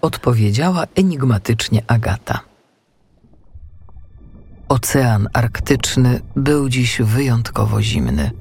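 A man narrating a children's storybook in an expressive reading style. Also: medium pitch, slow, vocal fry, pauses often, breathy edge.

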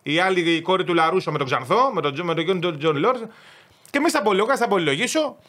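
Excitable high-voiced man retelling a series. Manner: excitable, rambling storyteller, laughs often. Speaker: podcast host. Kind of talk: casual chat.

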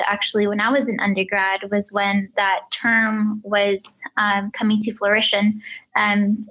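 A woman in her twenties, from Mexico, a guest explaining things carefully with many pauses and fillers. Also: mid-range voice, a bit bright, poor audio. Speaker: interview guest. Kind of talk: conversational interview.

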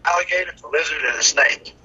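A man in casual chat whose voice breaks up and drops out on a bad phone call, so he repeats himself slowly. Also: a little high, sharp tone, slightly rough, faint music behind. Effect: phone call breaking up and cutting out.

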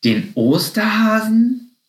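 A man's voice: on the high side, sing-song, unhurried, a bit bright, pitched above the performer's own voice. A man voicing a cheeky young male rabbit in a children's story. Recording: roomy echo.

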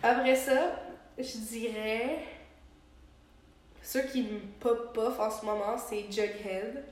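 A woman's voice: fairly high pitch, fairly even intonation, takes it slowly. Nasal young Quebec woman, very echoey room. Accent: Quebec French. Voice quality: nasal, stuffed-up with a head cold. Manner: slangy, mixing in English words. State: congested from a cold. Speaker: podcast co-host. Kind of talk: casual, giggly chat. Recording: very echoey room, background noise.

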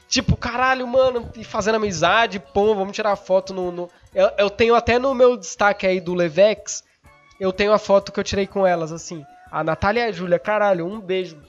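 A young man, hosting a podcast while stoned, rambling and excitable, swearing often and losing his thread. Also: sits high, muffled recording. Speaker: podcast host. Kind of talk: casual rambling storytelling.

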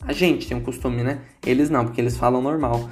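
A man's voice: medium pitch, fairly even intonation, fast talker, a little mellow, faint music behind. A man with a Brazilian accent giving a casual English lesson, chatty and repeating words aloud to show how they sound. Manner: chatty, repeats words to demonstrate pronunciation, asks "entendeu?". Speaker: English teacher.

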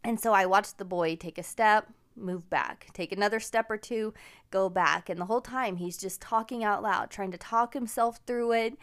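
A woman's voice: medium pitch, normal speed. Middle-aged woman hosting a motivational podcast, upbeat and encouraging, chatty personal stories. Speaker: podcast host. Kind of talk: casual personal storytelling.

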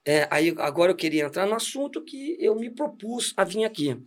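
A middle-aged deacon tells his story in a casual, chatty way. His voice sits high for a man, and he laughs often and restarts his sentences. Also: sing-song, fairly quick. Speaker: deacon giving testimony. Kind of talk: casual testimony chat.

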